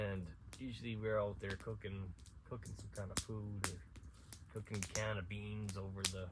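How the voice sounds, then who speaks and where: A man's voice: fairly low pitch, background noise. A man from central Saskatchewan telling stories to his camera in a casual, rambling way, with restarts and chuckles. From central Saskatchewan, Canada. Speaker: outdoor vlogger. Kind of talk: casual storytelling. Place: outdoors at night at an abandoned school.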